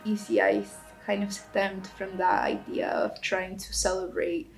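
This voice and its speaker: A woman's voice: mid-range voice, flat delivery, a little slow, creaky. Earnest young woman in echoey room. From Chile. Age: 20s. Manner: earnest, thoughtful, searching for words. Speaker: student interviewee. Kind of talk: personal reflective talk. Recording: echoey room with guitar music.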